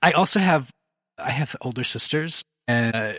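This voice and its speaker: A man's voice: medium pitch, expressive, pushed and bright, no echo, clean studio sound. A chatty man, a podcast guest, who laughs easily and talks a lot in casual conversation. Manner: chatty, quick to laugh, self-described big talker. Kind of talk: casual chat.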